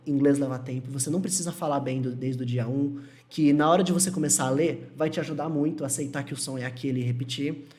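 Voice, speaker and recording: Brazilian man teaching live, reassuring. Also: a little high. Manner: reassuring, repetitive, animated. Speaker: English teacher. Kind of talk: live-stream lesson reading chat questions.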